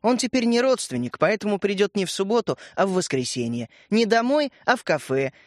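A man narrating a children's story in a measured, expressive reading. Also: high voice, no room sound, clean studio sound.

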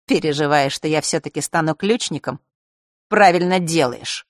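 A woman's voice: low-pitched, normal speed, no room sound, studio quality, natural voice. A woman voicing a proud, hot-tempered teenage boy who speaks curtly and defiantly. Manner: curt, defiant.

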